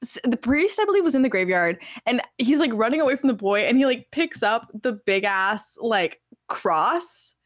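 Lively, teasing woman podcast co-host. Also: on the high side, brisk, few pauses, no echo, clean studio sound. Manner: animated, teasing, giggly. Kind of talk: casual chat.

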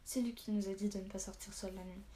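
Gruff, stern tavern keeper, read by a woman, blunt and flat-voiced in a storybook reading. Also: medium pitch, fast, slight background noise, close to an everyday voice. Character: gruff middle-aged male tavern keeper.

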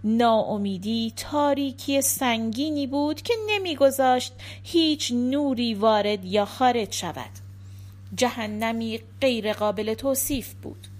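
A woman with a slightly high voice reads an audiobook aloud in the first person. Her delivery is measured and calm, the way a practiced narrator handles a long novel.

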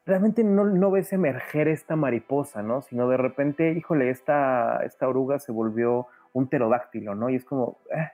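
Male podcast guest, mellow low tone, rambling, thinks aloud, faint music under. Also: moderate pace, hardly any pauses. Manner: talkative, thinks aloud with many fillers. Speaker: guest film commentator. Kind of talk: casual podcast discussion.

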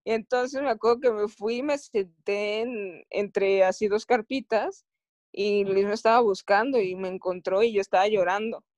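A woman's voice: medium pitch, fairly even intonation, darkish tone, no room sound, highs cut off. Mexican woman athlete chatting in an interview, keeps restarting her sentences, dry close sound. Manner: halting, restarts phrases often. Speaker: Olympic athlete guest. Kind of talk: casual interview storytelling.

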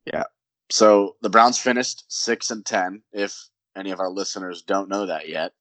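A man's voice: sits low, moderate pace, no room sound. A young man co-hosting a sports podcast, chatting casually and rambling with lots of "like" and "um". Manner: relaxed, rambling with many likes and ums. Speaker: podcast co-host. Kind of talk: casual chat.

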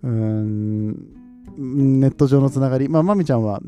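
A man from Nagoya, Japan, hosting his podcast in a relaxed, chatty way, often chuckling and asking listeners questions. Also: medium pitch, a little slow, soft background music. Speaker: podcast host. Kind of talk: casual solo chat.

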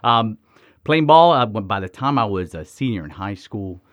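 Deep-voiced man from the Dominican Republic. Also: moderate pace, no room sound, clean studio sound. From Dominican Republic, raised in Miami. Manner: animated storyteller with many fillers and restarts. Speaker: guest, mission organization director. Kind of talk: conversational interview storytelling.

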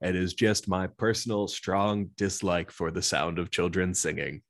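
A man's voice: low-pitched, level tone, unhurried, no echo, clean studio sound. A man co-hosting a podcast, recapping a plot and joking in a sarcastic, self-deprecating way. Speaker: podcast co-host. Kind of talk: casual chat and plot recap.

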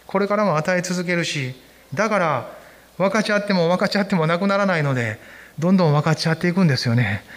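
A male pastor with a notably high-pitched voice delivers a church sermon. He speaks in an earnest, pastoral way and invites the congregation to read scripture along with him. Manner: earnest, pastoral, leads the congregation in Bible reading. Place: church service.

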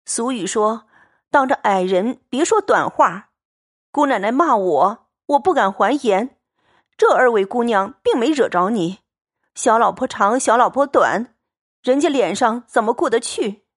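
Wheedling middle-aged sister-in-law read by a woman, coaxing, lively lilting voice, dry sound. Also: a little high, unhurried, no echo. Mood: aggrieved.

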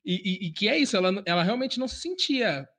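A Brazilian man with a notably high voice for a male, talking in a casual group discussion. He goes haltingly, circling back and repeating words as he works toward his point. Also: big pitch swings, a bit bright.

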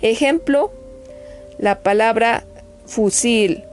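A woman's voice: a little high, soft background music. A woman giving a spoken pronunciation lesson, spelling out letters and repeating each example word several times. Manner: repeats words slowly, spells letters aloud. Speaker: English pronunciation teacher.

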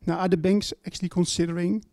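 A man's voice: high-pitched, little pitch movement, fast talker, a little mellow, no room sound, studio quality. A man asking a question at a panel discussion, hesitant, with restarts and fillers.

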